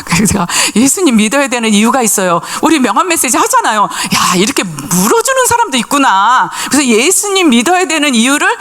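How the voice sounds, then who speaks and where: A woman's voice: sits high, sing-song, brisk, few pauses, a bit bright. A middle-aged woman, a pastor's wife, giving an emotional church testimony and acting out the voices of the people in her story.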